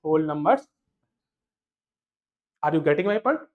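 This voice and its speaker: A male math teacher walks students through an exam-prep lesson. He keeps asking rhetorical questions and answers each one himself. He addresses listeners fondly as "my dear" and counts numbers aloud in a steady rhythm. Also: fairly high pitch, drawn-out words, narrow, tinny audio. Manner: calls listeners "my dear", mixes English terms into Hindi.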